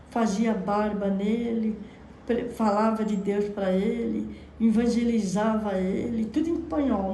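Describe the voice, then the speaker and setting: Brazilian woman, 30s, fervent church testimony, higher voice, mellow tone, phone in an echoey room with faint noise. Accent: Brazilian Portuguese. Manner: fervent, frequent praise exclamations. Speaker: church member giving testimony. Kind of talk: religious testimony.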